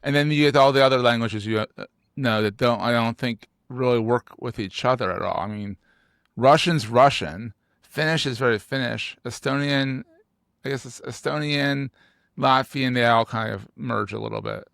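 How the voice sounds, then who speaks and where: Gravelly at the edges and mid-range in pitch, this Philadelphia man, American, hosts a podcast and talks at a moderate pace in a casual interview with his guest. He jokes around, stays animated, and hammers points home by repeating words, all in a dry, close recording.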